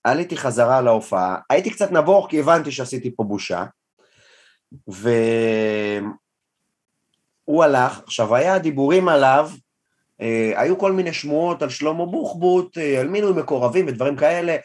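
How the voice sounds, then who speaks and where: Young male comedian telling a story. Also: medium pitch. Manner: animated, self-deprecating storyteller who acts out quotes. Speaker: guest comedian. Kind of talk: casual storytelling in a podcast interview.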